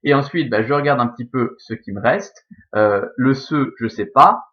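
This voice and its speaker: A man's voice: mid-range voice, normal speed. A man with a Belgian French accent teaching a recorded Latin lesson, explaining step by step with many fillers and self-corrections. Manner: patient, methodical, with frequent fillers and self-corrections. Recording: slightly dull lo-fi sound.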